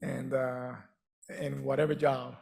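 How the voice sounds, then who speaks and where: A middle-aged man from Venezuela, Spanish his first language, talks as a guest on a stage. His voice is deeply gravelly with plenty of fry, and he speaks earnestly, often repeating words as he restarts a thought. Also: flat delivery, takes it slowly, darkish tone. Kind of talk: on-stage conversation.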